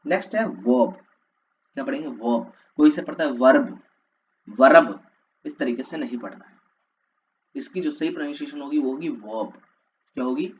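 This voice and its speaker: A man's voice: mid-range voice, a little fast, long pauses, darkish tone. A male teacher giving an exam-prep lesson, drilling words with repeated call-and-response questions. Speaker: English teacher. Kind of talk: classroom lecture for exam prep. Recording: slightly dull lo-fi audio with faint hiss.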